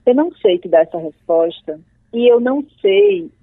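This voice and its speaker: A young woman from Paraíba, with a Northeastern Brazilian accent, reflects thoughtfully as an interview guest, building careful arguments at normal speed. Her voice is high-ish, gravelly, and very animated, heard through dry, tinny, phone-like call audio.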